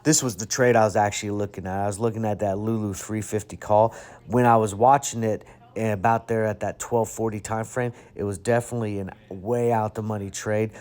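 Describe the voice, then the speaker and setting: Chatty low-voiced man talking trades. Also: a little mellow. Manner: conversational, emphatic, lots of "okay?" and "right?". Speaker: trading educator. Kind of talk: casual market commentary over charts.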